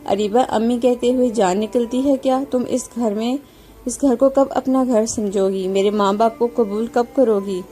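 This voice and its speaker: Young husband in a storybook reading, voiced by a woman, plain and sometimes curt, mellow tone, faint music. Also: on the high side, steady tone, close to an everyday voice. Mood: stern. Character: young husband, loving but stern at times.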